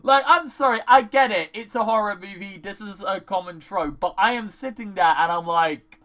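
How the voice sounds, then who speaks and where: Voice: mid-range voice, normal speed, a bit bright. A movie reviewer in a casual vlog, ranting in an exasperated way, swearing often and filling speech with "like". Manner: many "like" fillers.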